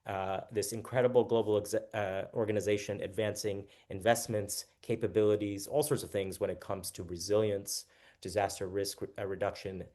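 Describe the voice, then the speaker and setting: A man's voice: fairly low pitch, flat delivery, normal speed, dark tone. A man moderating a panel discussion, introducing the guests with enthusiasm and frequent restarts.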